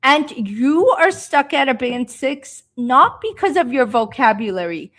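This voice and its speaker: With a high, sing-song voice and a fairly bright tone, a Canadian woman gives an English speaking lesson over live stream. She explains slowly and patiently, often saying um and uh.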